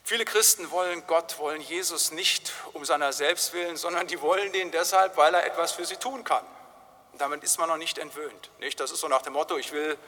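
Bright-voiced German pastor preaching in a reverberant church. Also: male voice, fairly high pitch, steady tone, fairly quick. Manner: conversational preaching, frequent tag "nicht?"; acts out a crying baby loudly. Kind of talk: sermon. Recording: long hall reverb.

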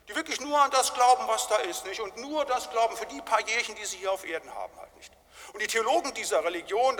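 A male pastor delivers a sermon in a high, bright voice, pressing his points with constant tag questions. The church around him lends a long, lingering reverb to every phrase. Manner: emphatic, with frequent tag questions.

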